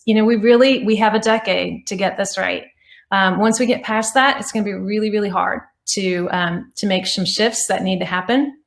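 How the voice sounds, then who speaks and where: A woman giving an informal, conversational presentation to an online audience, feeling her way through phrases and rephrasing as she goes. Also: mid-range voice. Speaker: presenter of an online climate talk. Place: indoor room on an online meeting. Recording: roomy, echoey sound.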